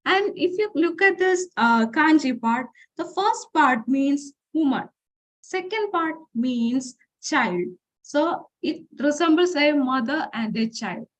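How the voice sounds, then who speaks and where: A woman's voice: high-pitched, animated, slow pace. A woman giving an informal lecture presentation, explaining step by step with fillers and restarts, and reading example phrases aloud. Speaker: forum speaker.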